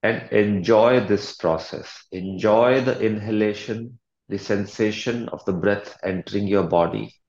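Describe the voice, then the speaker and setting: Leading a guided meditation, this male coach talks in a slow, deliberate, calm way, leaving long pauses between soothing instructions. His lowish voice sits in a roomy space, and the recording sounds muffled.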